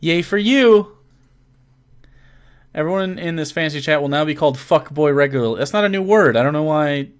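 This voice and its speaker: A young man hosting a live stream as a game master reads viewer donations and chat messages aloud, answering their questions with profane, rambling jokes. His voice is on the high side, expressive and brisk, with a clean tone.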